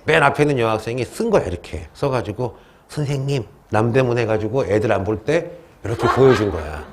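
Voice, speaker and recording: Lively, joking male history teacher. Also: fairly low pitch, fast, noisy background. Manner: lively, joking, asks the class questions and answers them himself. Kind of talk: classroom lecture.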